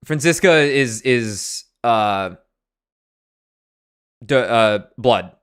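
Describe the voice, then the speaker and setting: A man's voice: medium pitch, animated, very slow, a bit bright, clean tone. A young man hosting a game stream, explaining the story in a rambling, casual way. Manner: rambling, with many fillers and restarts. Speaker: streamer, host.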